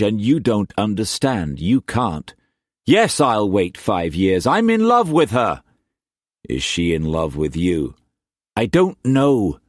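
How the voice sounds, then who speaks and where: In a heavily acted, dry, studio-quality recording, a man voices an earnest, anxious young man in love. His pitch is fairly low, though raised above his own natural voice.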